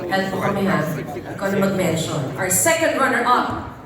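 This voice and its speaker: A woman's voice: mid-range voice, sing-song, fairly quick, far from the mic. A woman with a Filipino accent co-hosting a pageant, announcing winners and prizes in Taglish. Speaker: pageant co-host. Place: large echoing event venue. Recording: very echoey event PA, loud music, crowd.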